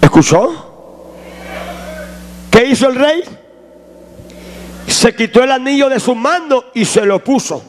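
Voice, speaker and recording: Male preacher with a very high voice, slow and shouting, calling for responses. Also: expressive. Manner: call-and-response, shouting to the congregation. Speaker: pastor. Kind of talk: sermon.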